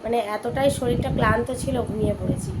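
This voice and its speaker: A woman in her thirties talks into a handheld phone in a casual home vlog, her voice hoarse from a cold and set a little high. She chats on easily and breaks off now and then to scold her kids. The recording is noisy, with rain heard outside. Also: quick pace. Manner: chatty, scolds her children in between. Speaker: vlogger, mother.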